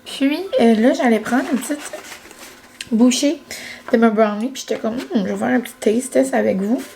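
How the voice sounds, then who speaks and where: A young woman vlogger chats casually to camera for her audience, using many fillers and English words. Her voice is a little high, creaky and warm, at normal speed, with a little hiss or hum in the recording.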